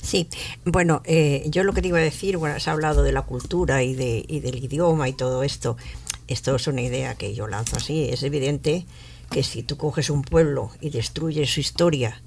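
A woman from Catalonia speaks in a radio studio with a gravelly edge to her voice. She argues earnestly and emphatically, pausing often on fillers as she builds her point. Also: deep voice, darkish tone. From Catalonia, Spain. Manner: earnest, emphatic, with frequent hesitations. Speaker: radio debate panelist. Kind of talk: radio panel discussion.

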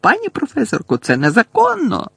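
Guy voicing a teen girl begging, high and cracked, loud, raspy edge. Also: huge pitch swings, brisk, no room sound, heavily acted. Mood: desperate. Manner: high, shrill, cracked pleading. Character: desperate teenage schoolgirl, sobbing and pleading.

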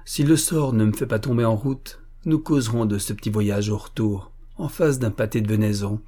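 Brief: man reading a good-humoured old soldier in a storybook, warm and hearty. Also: on the low side, normal speed, natural voice. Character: jovial veteran male cavalry officer.

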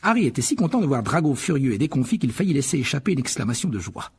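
A man narrating an audiobook in a steady, measured storytelling manner. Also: medium pitch, husky.

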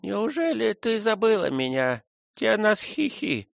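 A man voicing a toothless old native woman who once nursed the heroine. She speaks slowly and tenderly, mumbling through bare gums, in a thin, raised voice. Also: very animated, gravelly, no echo, studio quality, heavily acted. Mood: mumbling, surprised. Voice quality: mumbling, lisping toothless speech. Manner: slow, high, tender. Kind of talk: audiobook character voice.

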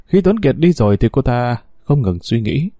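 A man narrating an audio story with a steady, even delivery. His voice is mellow and warm, and the recording is dry and close, with no room sound. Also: medium pitch, moderate pace, dry recording.

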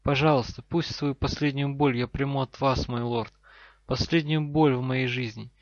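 A man's voice: mid-range voice, steady tone, normal speed, no room sound, close to an everyday voice. A man voicing a broken, desperate woman prisoner, devoted to her lord, her voice trembling with sobs. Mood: pleading, tearful. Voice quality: trembling, sobbing. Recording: dry, slightly dull recording.

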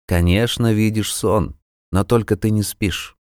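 A man playing a calm, ghostly tightrope walker who keeps dreams and speaks softly and slowly, in an audiobook. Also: lowish voice, clear, resonant tone, no room sound, studio quality, voice pushed up, lightly acted. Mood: soothing. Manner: soft, slow, soothing.

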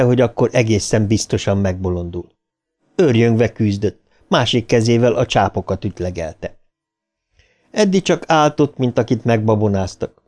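Man narrating a horror audiobook dramatically. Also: a little mellow. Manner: dramatic, raising pitch at tense moments.

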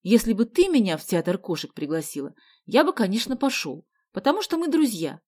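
A woman's voice: mid-range voice, fairly quick, slightly rough. A woman doing Vasya, a mild easygoing schoolboy. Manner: calm, mild, sighing. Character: easygoing good-natured schoolboy.

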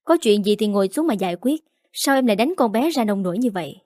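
A woman voicing a calm older-sister figure who tries to settle a quarrel, in an audiobook. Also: medium pitch, no echo, studio quality, natural voice. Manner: measured, placating. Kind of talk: audiobook character voice. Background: faint background music.

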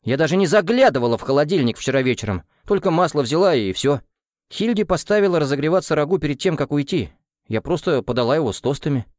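A brash young woman from a storybook, talking fast and defensively, as a man puts her on. Her voice sits far higher than the reader's usual pitch. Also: animated, a little mellow, dry recording, studio quality, natural voice. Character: blunt outspoken young woman.

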